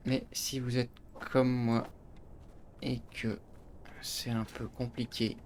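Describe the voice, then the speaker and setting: Gaming channel host, male, talks a player through a game step by step, slow and gravelly. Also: medium pitch, flat delivery, darkish tone, a little hiss or hum. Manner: step-by-step explaining, frequent "hop" and restarts. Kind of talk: game tutorial commentary.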